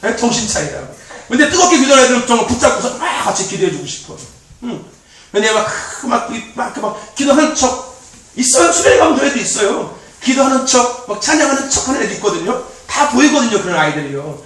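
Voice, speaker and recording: A man youth pastor preaching a sermon in a church, animated and repetitive, laughing often as he talks. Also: extremely high pitch, fast talker. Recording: very echoey, distant mic.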